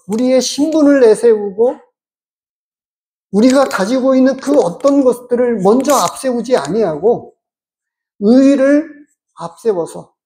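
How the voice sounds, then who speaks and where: A pastor preaches in a measured, explanatory way, putting rhetorical questions to his congregation. His voice is mid-range with a dark tone.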